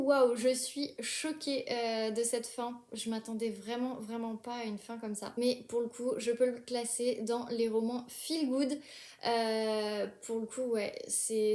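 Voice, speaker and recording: A woman's voice: a little high, a little mellow, echoey room. A young woman talking casually about books she is reading, hesitant, with many fillers and restarts. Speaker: book vlogger.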